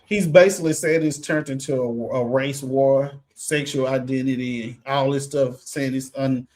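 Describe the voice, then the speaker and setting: A man's voice: medium pitch, fairly even intonation, normal speed, darkish tone. A man hosting a sports reaction show, talking loosely and casually with frequent fillers.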